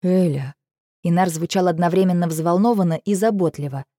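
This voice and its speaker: A woman's voice: medium pitch, animated, a little fast, mellow, no room sound, studio quality. A woman reading a first-person audiobook in an emotional, tearful manner. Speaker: audiobook reader.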